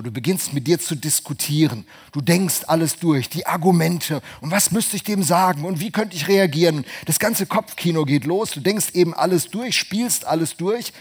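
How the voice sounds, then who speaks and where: A man preaching a lively sermon, swinging between hushed and loud voices. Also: on the high side, moderate pace, slightly rough.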